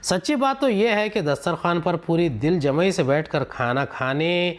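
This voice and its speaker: A male teacher works through a textbook chapter, reading a passage and then explaining it in plain terms. He stops to put questions to his students. His voice sits a little high for a man. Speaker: Urdu teacher.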